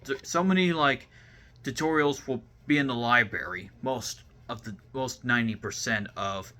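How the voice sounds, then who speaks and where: A man's voice: medium pitch, moderate pace, pushed and bright. A young man with a Southern US accent hosting his own video series, talking casually to camera and often stopping to repeat and restart his words. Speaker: vlog host.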